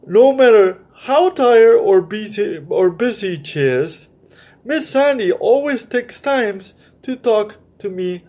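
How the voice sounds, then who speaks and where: A man with a high-pitched, darkish voice hosts a children's story time, reading a picture book aloud and explaining it directly to young listeners.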